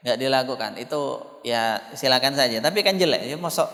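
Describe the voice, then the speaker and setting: A man's voice: mid-range voice, fairly quick, fairly bright tone. A man giving a conversational mosque lecture, now and then chanting Quranic phrases to demonstrate recitation. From Indonesia. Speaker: Islamic preacher. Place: mosque hall. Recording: long hall reverb.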